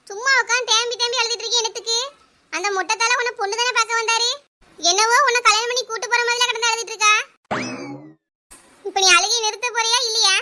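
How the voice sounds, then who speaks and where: A very high, piercing cartoon voice of a bossy village girl, played by a woman, with a Kanyakumari Tamil accent. The tone is bright and sharp, and she scolds and teases in quick bursts. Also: exaggerated voice. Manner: scolding, teasing, brisk. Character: shrill, bossy, teasing female village friend. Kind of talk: cartoon voice acting.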